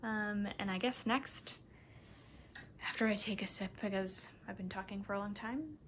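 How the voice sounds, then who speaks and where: A woman from Minnesota chats casually through her knitting podcast, rambling from one thought to the next. She talks at an ordinary middle pitch and laughs softly now and then. A faint hum of background noise sits under her voice. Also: normal speed. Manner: chatty and rambling, with soft laughs. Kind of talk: casual chat.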